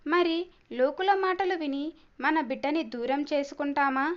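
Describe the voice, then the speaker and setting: A woman's voice: high voice, a little slow, lo-fi sound. A woman reading the part of an earnest young man pleading with his fiancée. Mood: reasoning. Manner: earnest, pleading, gently reasoning.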